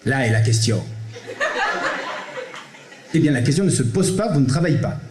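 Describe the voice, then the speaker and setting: A man's voice: medium pitch, expressive, moderate pace, echoey room. A man with a Provençal French accent performing a one-man comedy show, chatting theatrically with the audience and slipping into solemn recitation, recorded on an amateur camera in a theatre. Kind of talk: stand-up monologue with poetic recitation. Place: theatre stage.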